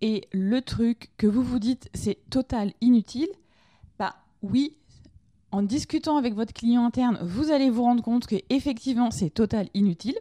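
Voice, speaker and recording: A woman's voice: on the high side, moderate pace, mellow, dry recording, clean studio sound. A woman hosting an informal lesson, explaining ideas conversationally and asking her listeners direct questions. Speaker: podcast host teaching lean management.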